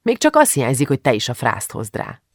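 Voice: mid-range voice, wildly swooping pitch, dry recording, clean studio sound. A reader voicing an irritable teenage older sister who scolds with exasperation in an audiobook. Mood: scolding.

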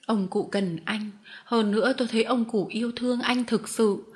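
A woman voicing a kind, gracious noblewoman who speaks softly and reasons patiently, in an audiobook reading. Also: a little high, steady tone, normal speed, natural voice. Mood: gentle. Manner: soft, reasoning, kindly. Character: gentle, gracious noblewoman, a mother.

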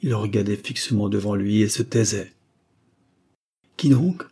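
A man narrating a classic novel as an audiobook in a measured, even manner. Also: lowish voice, slightly rough.

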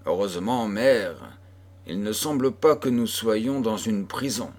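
A man's voice: on the low side, animated, unhurried, a little mellow. A man voicing an anxious, tender young woman who pleads fearfully with her mother, in an audiobook. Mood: pleading.

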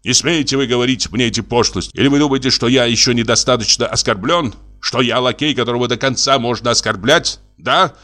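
A man's voice: on the low side, lively intonation, moderate pace, bright, forceful tone, soft background music. A man reading the part of a bitter, furious middle-aged country doctor, harsh and biting, clipping every word.

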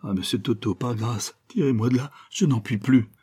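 A man's voice: medium pitch, moderate pace, mellow, breathy edge, lightly acted. A man reading a novel aloud, voicing an exhausted young male reporter who sounds faint, strained and pleading. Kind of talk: audiobook character reading.

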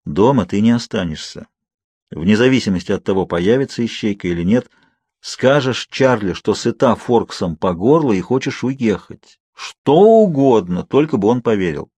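A man's voice: on the low side, expressive, moderate pace, a little mellow, husky, dry recording. A man voicing a commanding young man in an audiobook, clipped and firm. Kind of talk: audiobook character reading.

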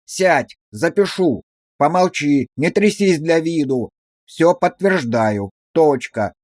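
A stern village policeman, as a male narrator plays him, giving curt orders in a somewhat high man's voice. The sound is dry and close to the mic. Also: animated, slow, darkish tone, no echo. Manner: curt, commanding. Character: stern rural police officer, gruff and dry.

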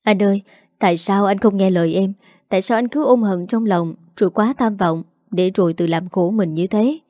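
A woman's voice: mid-range voice, normal speed, mellow, no echo, studio quality, natural voice. A woman voicing a grieving young man in an audio story, tearful and accusing. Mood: reproachful.

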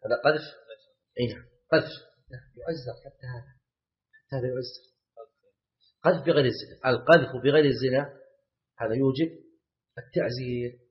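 Male religious teacher, mid-pitched voice, explanatory lecture with repeated words and questions, dull lo-fi recording. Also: a little fast, long pauses. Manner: repeats key words, asks the class questions. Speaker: Islamic scholar teaching a class. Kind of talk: lecture commentary on a legal text.

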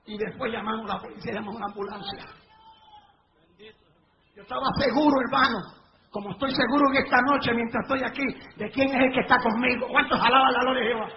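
A middle-aged male evangelist preaching a revival sermon to a live congregation, telling testimonies with fervor and breaking into shouts at the climaxes. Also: very high-pitched, fairly even intonation, fast talker. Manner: fervent storytelling, rising to shouts at climaxes. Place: church or revival meeting before a live congregation. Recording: dull lo-fi recording with faint noise.

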